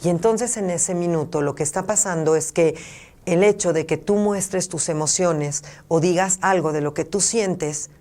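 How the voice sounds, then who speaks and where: A woman's voice: sits low, darkish tone. A middle-aged woman, a parenting therapist giving an emphatic talk full of rhetorical questions and lists.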